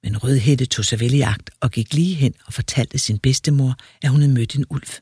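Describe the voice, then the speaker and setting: A man reading a fairy tale aloud with a lively, expressive storyteller delivery. His voice is very breathy, and the recording is close and dry. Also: mid-range voice, no echo.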